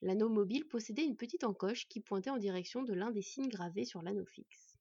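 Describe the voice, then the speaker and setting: Breathy woman reading a fantasy story. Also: mid-range voice, a little fast, dark tone, no echo, lo-fi sound. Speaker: narrator. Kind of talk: audiobook narration.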